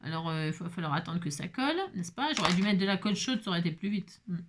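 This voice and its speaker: A woman's voice: fairly low pitch, lively intonation, quick pace, noisy background. A woman hosting a casual crafting tutorial, chatty and self-mocking, repeating herself and talking straight to her viewers. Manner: chatty and self-mocking, jokes and laughs often; repeats words, talks directly to viewers. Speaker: craft channel host.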